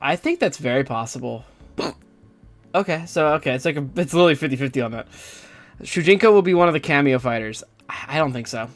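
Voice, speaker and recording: A man's voice: on the high side, expressive, fast, faint music behind. A young man giving casual gaming news commentary, rambling and hesitant with lots of fillers and restarts. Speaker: gaming YouTuber.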